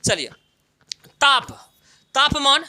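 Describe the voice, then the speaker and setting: A man's voice: very high-pitched, sing-song, very slow, bright, forceful tone. A male teacher giving an exam-prep science lesson, asking the class questions and answering them himself. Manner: questioning, answers own questions, homely examples.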